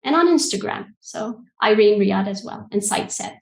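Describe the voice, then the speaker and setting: A woman in her forties, from Egypt and the UK, answers interview questions in a calm, reflective manner, pausing often. She talks through an earbud mic on a video call. Her voice is a little gravelly and the room sounds echoey. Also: medium pitch. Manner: thoughtful, calm, hesitant with ums. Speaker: guest coach. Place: room with bookshelves. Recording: roomy video call audio.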